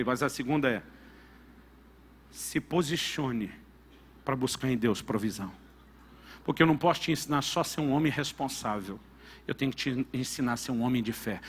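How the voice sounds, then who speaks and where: A middle-aged man from Brazil, a pastor telling a personal story in a sermon, swinging from loud bursts to hushed, earnest passages. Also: on the high side.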